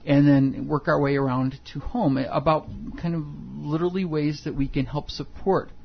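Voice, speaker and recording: Male co-host, raspy, easygoing joker, lo-fi radio. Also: on the high side, fairly even intonation, normal speed. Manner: jokey, rambling questions. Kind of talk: casual talk-radio hosting.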